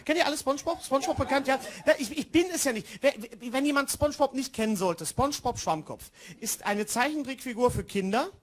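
A woman's voice: high-pitched, a little fast, hardly any pauses, faint music behind. A woman doing chatty stand-up comedy, talking straight to the audience.

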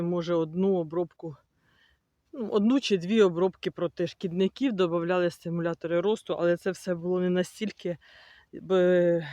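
A woman's voice: on the low side, a little mellow, no room sound. A woman gardening vlogger chatting enthusiastically as she walks through her outdoor garden showing plants. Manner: enthusiastic, chatty, fond diminutives.

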